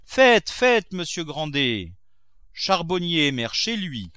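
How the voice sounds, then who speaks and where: A man's voice: fairly high pitch, expressive, measured pace, no room sound, pitched above the performer's own voice. A man reading a classic novel aloud, voicing a stiff, formal provincial magistrate with a sententious manner.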